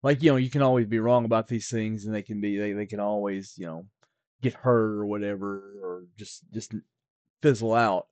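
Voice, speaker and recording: A card expert co-hosting a podcast talks casually about collectibles, rambling with repeated restarts and fillers. His voice is lowish, steady, and darkish in tone, at a normal speed, with no room sound.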